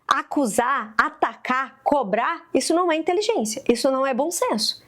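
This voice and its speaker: Emphatic high-voiced woman exhorting. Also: animated, moderate pace, a bit bright. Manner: emphatic, preacherly, acts out dialogue. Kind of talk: direct-to-camera exhortation. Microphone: facing a camera.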